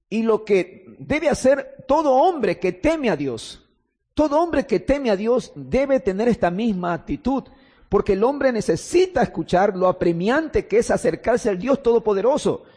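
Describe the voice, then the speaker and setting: High-voiced husky man preaching in a church. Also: a little mellow. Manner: earnest, emphatic preaching with repeated phrases and restarts. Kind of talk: sermon. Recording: long hall reverb.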